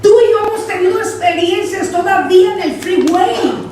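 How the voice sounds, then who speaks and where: A high-pitched woman pastor preaches a lively sermon. She acts out the voices in her anecdotes. She is picked up from a distance, with heavy church reverb around her. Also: normal speed, a little hiss or hum. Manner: animated preaching, acting out voices in quotes. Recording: echoey church from far off.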